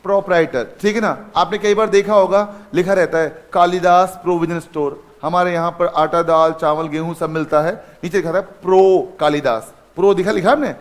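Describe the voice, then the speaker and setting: A man's voice: high-pitched, fairly even intonation, moderate pace, hardly any pauses. A man teaching accounting in a class lecture, often asking questions and repeating the answers himself. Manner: calls students son, asks and repeats answers.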